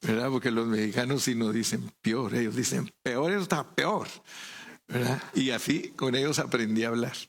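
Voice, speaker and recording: A man's voice: medium pitch, moderate pace, creaky. A man with a Guatemalan accent preaching a sermon in a conversational way, often asking the congregation rhetorical questions. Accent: Guatemalan Spanish.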